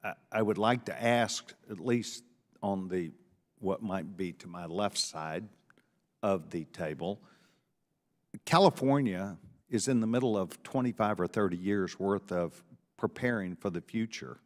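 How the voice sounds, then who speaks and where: In a large hearing room with long reverb, a man questions witnesses at a committee hearing, pressing them, interrupting and repeating himself. His voice is low-pitched and a little slow.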